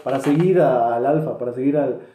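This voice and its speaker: Hesitant Mexican man, very dark voice. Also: mid-range voice, brisk, reverberant. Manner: hesitant and reflective, many fillers and restarts. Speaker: podcast co-host. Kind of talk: casual chat.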